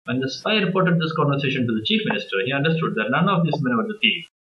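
A man reading a children's story aloud in a halting, uneven way. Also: mid-range voice, lively intonation, echoey room, lo-fi sound, slight background noise. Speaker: storybook reader.

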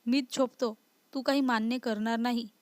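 A woman's voice: on the high side, fairly even intonation, normal speed, a little mellow, no room sound, lightly acted. A woman voicing a playful young husband who teases his wife in a storybook reading. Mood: teasing. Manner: teasing, lightly mocking.

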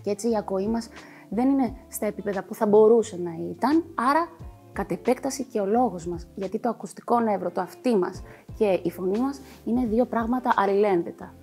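A woman's voice: medium pitch, dark tone, faint music behind. A woman working as a voice coach, explaining her work in a TV talk show interview with many fillers.

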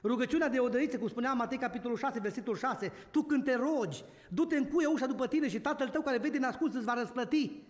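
A man preaching a sermon, telling a family story with his voice rising and falling. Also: extremely high pitch. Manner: storytelling preacher, voice swelling and dropping. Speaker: pastor. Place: large church hall. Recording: long church reverb.

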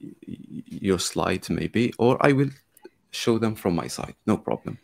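Slow, gravelly low-voiced young man. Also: expressive, darkish tone. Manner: slow and hesitant. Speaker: conference organizer sharing slides. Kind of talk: casual technical help. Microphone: video call with studio microphone.

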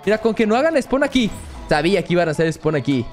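A young man from commenting on his gameplay with excitement, talking straight to his viewers. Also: high-pitched, fast, faint music behind. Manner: excitable, addresses viewers as family. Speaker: gaming YouTuber.

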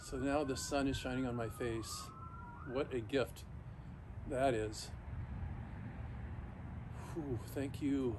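Slow-talking middle-aged man shivering in ice-cold water. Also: medium pitch, fairly even intonation. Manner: halting, pausing often mid-thought. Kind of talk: casual solo vlog, talking to camera. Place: backyard, outdoors, in an ice bath. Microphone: camera a few metres away. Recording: noisy outdoor recording, ambient hum.

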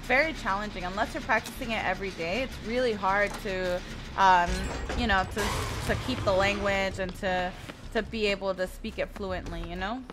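With music in the background, a woman speaks in a steady, mid-range voice at a moderate pace. She's a U.S. streamer in her twenties, chatty and laughing often, reading viewers' chat aloud while playing.

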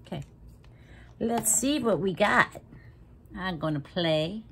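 Indoors in her living room, a makeup vlogger in her 60s talks animatedly and slowly in a mid-range, slightly bright voice as she applies makeup close to the camera. Her casual tutorial chat is frank and feisty, sometimes sinking to a half-whisper, with a little hiss or hum in the audio.

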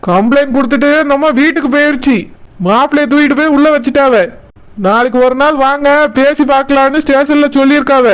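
A man's voice: very high-pitched, fairly even intonation, quick pace. Man voicing a hot-tempered protective brother. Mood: gruff. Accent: Tirunelveli Tamil. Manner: blustering, threatening.

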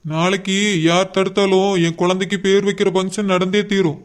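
A man's voice: sits high, little pitch movement, a little fast, smooth, close to an everyday voice. A man voicing a doting determined young father. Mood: telling.

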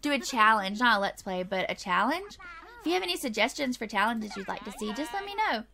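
A woman's voice: fairly high pitch, big pitch swings, fairly quick, gravelly, pushed and bright. A young woman chatting and giggling as she plays a life-sim game for her channel. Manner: giggly, chatty, easily tickled. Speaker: Sims gameplay YouTuber. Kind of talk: casual gameplay commentary.

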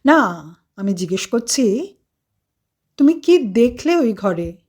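A woman voicing a kindly older monk, gentle and patient, in a devotional story. He speaks slowly, in a fairly high, soft register. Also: sing-song, exaggerated voice.

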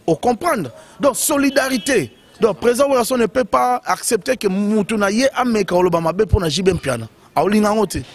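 A man's voice: high voice, animated, fairly quick, few pauses. A man giving casual, emphatic commentary on music news in short bursts full of fillers.

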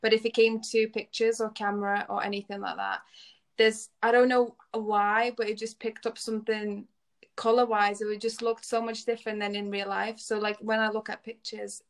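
A woman's voice: mid-range voice, level tone, normal speed. A woman in her twenties, originally from Lithuania, whose English carries a semi-Scouse twang, chatting casually as an interview guest and filling her speech with "like". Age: 20s. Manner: chatty, laughs often, peppered with "like". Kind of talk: casual chat.

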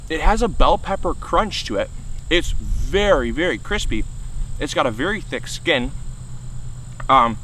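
A man's voice: fairly high pitch, big pitch swings, unhurried, long pauses, bright, forceful tone, slight background noise, low-quality recording. Guy chewing and talking with his mouth full, chatty garden vlogger outside, faint crickets behind. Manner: chatty, enthusiastic. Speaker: gardening channel host. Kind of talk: casual vlog. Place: outdoors in a garden.

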